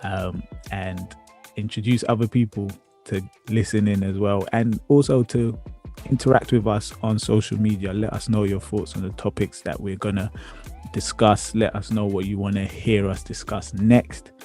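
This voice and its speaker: A man in his twenties hosting a casual podcast chat, relaxed and easygoing, with frequent ums. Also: lowish voice, normal speed, faint music behind. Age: 20s. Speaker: podcast host.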